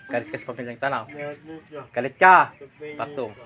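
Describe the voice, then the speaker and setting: A man's voice: medium pitch, moderate pace, bright, forceful tone. A man working as a folk healer, firmly and insistently questioning a spirit during a healing ritual. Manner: commanding, insistent, repeatedly prodding with "ha?".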